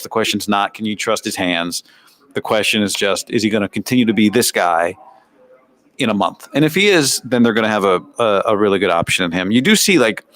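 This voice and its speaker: Recapping practice, an American-accented host offers sports commentary that is analytical yet conversational. He often poses rhetorical questions and slips in asides, speaking with a fairly low, slightly bright voice.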